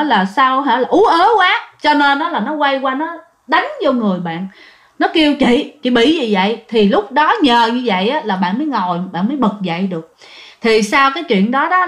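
A woman telling a ghost story in a chatty, casual way to her listeners. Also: sits high. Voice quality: lively, chatty, drawn-out southern fillers.

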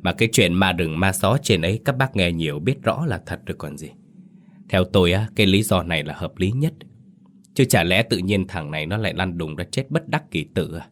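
A man's voice: sits low, lively intonation, brisk, fairly bright tone, a little hiss or hum. A man voicing an insistent village man who argues for a superstition in a spoken horror story. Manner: insistent, persuading.

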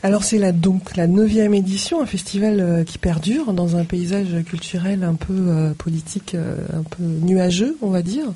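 A woman's voice: lowish voice, steady tone, moderate pace, few pauses, warm tone, slightly rough. A woman hosting a radio interview in a studio, opening with a poised, scripted introduction and then asking her guest questions. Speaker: radio host.

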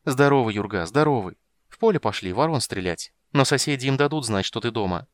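A man's voice: mid-range voice, animated, a little fast, dry recording, clean studio sound, close to an everyday voice. A man voicing a merchant's wife, anxious and tender, who talks in an urgent, fussing way.

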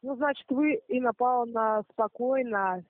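A woman's voice: on the high side, a little slow, dry recording. A woman working as a debt collector on a call, officious and needling. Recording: narrow tinny phone line.

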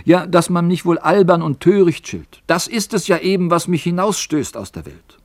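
A man's voice: high voice, expressive, normal speed, darkish tone, no room sound, voice pushed up. A man voicing a young grieving sailor who pleads in a raised, impassioned voice. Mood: despairing. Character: young grieving male sailor, despairing and earnest.

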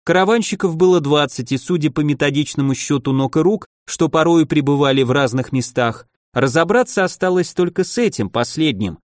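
A man narrating a fantasy audiobook in a measured, wry storytelling manner. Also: a little high, dry recording, clean studio sound.

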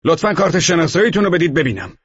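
A man reading an audiobook, voicing a brusque, suspicious police chief who shouts and hectors. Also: fairly high pitch, sing-song, breathy edge, dry recording, voice pushed up. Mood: interrogating. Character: loud, brusque middle-aged male police chief. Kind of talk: audiobook character voice. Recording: muffled lo-fi audio.

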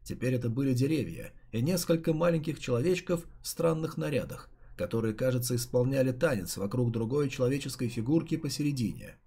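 Husky, mellow male storyteller. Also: mid-range voice, fairly quick, few pauses. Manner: steady, even storytelling with occasional restarts. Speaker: audiobook reader. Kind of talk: scripted narration.

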